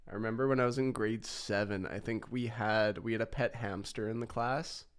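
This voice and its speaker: A man's voice: fairly low pitch, steady tone, normal speed, clear, resonant tone. A young man hosting a podcast, chatting casually and laughing often. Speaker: podcast host. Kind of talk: casual chat.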